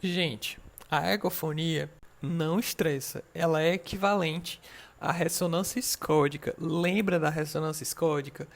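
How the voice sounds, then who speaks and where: A man's voice: a little high, steady tone, measured pace, creaky. A young Brazilian man giving a recorded medical lecture, explaining patiently and often checking that students are following. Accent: Brazilian Portuguese. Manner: explanatory, reassuring, frequent check-ins with students.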